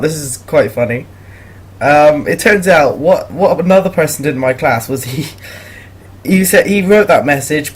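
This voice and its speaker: Teen male vlogger, husky, slightly high voice, loose rambling storyteller. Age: teens. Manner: rambling, laughing, awkward. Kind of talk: casual storytelling commentary.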